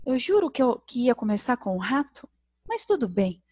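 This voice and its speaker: A Brazilian woman teaching young children in a recorded video lesson, sounding out syllables slowly in a sing-song way. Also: fairly high pitch, big pitch swings, mellow, no room sound. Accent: Brazilian Portuguese. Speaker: primary school teacher.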